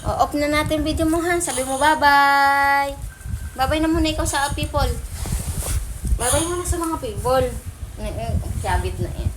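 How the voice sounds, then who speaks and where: A woman with a fairly high voice filming at home, playfully coaxing her toddler and repeating each prompt again and again. A faint hiss of noise sits under her voice. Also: a little fast. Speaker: vlogger and parent.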